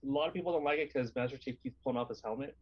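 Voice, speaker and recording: A man's voice: medium pitch, very fast, dry recording. A man chatting casually on a stream, rambling and correcting himself as he goes. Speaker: stream co-host. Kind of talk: casual chat. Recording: dull lo-fi stream mic.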